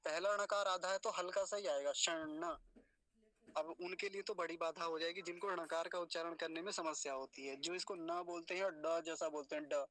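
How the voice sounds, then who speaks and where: Guy teaching pronunciation, spells out every syllable real slow, crisp bright voice, dry close sound. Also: a little high, fairly even intonation, no echo. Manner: slow, deliberate syllable-by-syllable demonstration; patient, explanatory, repeats words for practice. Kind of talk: spoken lesson.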